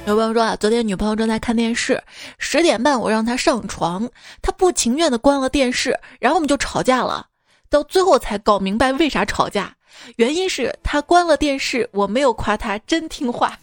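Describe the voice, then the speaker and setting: A woman's voice: a little high, expressive, a little fast, no echo. A woman host delivering a scripted comic monologue in a playful, teasing way, often breaking into laughter. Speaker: radio host.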